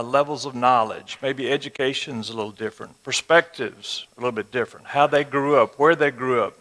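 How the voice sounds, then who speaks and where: A man's voice: mid-range voice, a bit bright. A man in his sixties with a West Texas twang, teaching a Bible lesson to an audience in a folksy, conversational way with rhetorical check-in questions. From West Texas, United States. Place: large room or auditorium with a live audience. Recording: reverberant hall, amplified speech.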